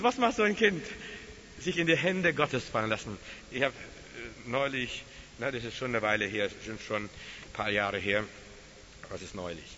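A man preaching with a bright, ringing voice, pitched a little high, in a long-echoing hall. He tells his stories emphatically, sinking into quiet, hushed stretches and then climbing back to loud calls. The recording is dull, with a faint hiss behind him. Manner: emphatic storytelling, dropping to hushed tones then rising. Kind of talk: sermon.

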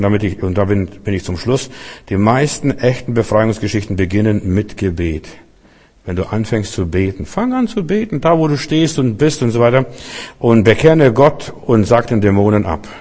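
A man's voice: fairly low pitch, darkish tone. A male pastor preaching a sermon and leading a closing prayer, emphatic and repetitive, speaking straight to his listeners. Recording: long hall reverb.

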